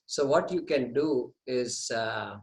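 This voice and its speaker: A man's voice: medium pitch, takes it slowly, darkish tone. A man hosting an online orientation over a video call, patiently giving technical instructions to participants. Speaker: session host.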